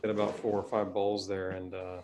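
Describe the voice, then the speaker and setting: A man's voice: sits low, flat delivery, fairly quick, a little mellow, slight background noise. A man co-hosting a podcast, chatting in a loose, profane way and laughing often. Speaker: podcast co-host. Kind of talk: casual chat.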